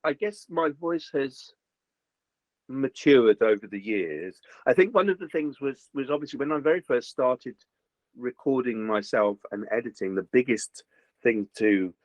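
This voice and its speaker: A man's voice: mid-range voice, measured pace, dry recording, muffled recording. A voice actor, a man, chatting in an interview with lots of "you know" fillers and restarts. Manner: animated, many fillers and restarts. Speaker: voice actor guest. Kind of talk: casual interview chat. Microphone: home recording booth.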